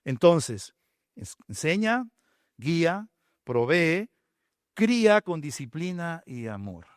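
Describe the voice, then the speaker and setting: A man's voice: fairly high pitch, very animated, takes it slowly, dry recording, clean studio sound. A man preaching a sermon, counting off his points and asking the congregation rhetorical questions. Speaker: pastor.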